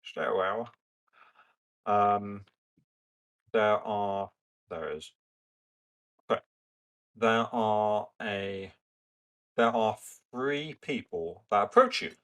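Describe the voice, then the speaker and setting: A man narrating a tabletop game as game master, in a halting, improvised way, often thinking aloud. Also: on the low side, fairly bright tone.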